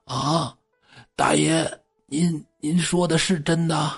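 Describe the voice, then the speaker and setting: A man doing a gaunt plague victim near death, whispery weak voice, husky, slow and pleading, in a spooky audio story. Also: a little high, fairly even intonation, soft background music, voice pushed up, heavily acted. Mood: feeble. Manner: faint, breathless, pleading. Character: dying plague-stricken man, gaunt and feeble.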